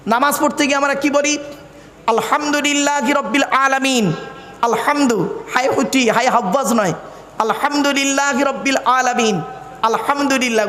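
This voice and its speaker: Male preacher, very high voice, quizzes the crowd, sung recitations, booming echo over a PA. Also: fairly bright tone, slight background noise. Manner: sing-song Quranic recitation. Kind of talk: sermon at a religious gathering. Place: large outdoor gathering. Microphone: microphone over speakers. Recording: echoey hall reverb, faint ambience.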